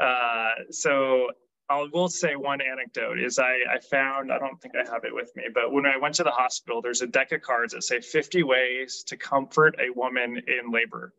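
Bright, gravelly-voiced man chatting casually. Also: mid-range voice, normal speed, rough recording. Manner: relaxed, frequent fillers and restarts. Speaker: podcast guest, PR consultant. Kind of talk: casual interview talk.

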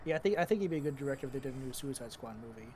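A man talking at a very fast clip in a loose podcast chat with his friends. He stammers and restarts his sentences, earnest and a little hesitant. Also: mid-range voice, crowd noise. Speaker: podcast co-host. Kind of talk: casual chat among friends.

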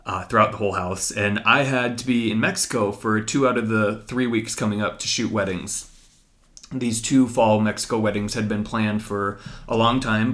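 A man's voice: fairly low pitch, a bit bright. A young man hosting a podcast, earnestly telling a personal story to his wife, reflective and full of fillers. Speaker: podcast host.

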